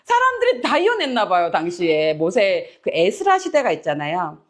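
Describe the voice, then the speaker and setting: Animated woman pastor preaching. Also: fairly low pitch, normal speed. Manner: animated, acts out quoted voices and laughs often. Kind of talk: lively Korean sermon. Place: church.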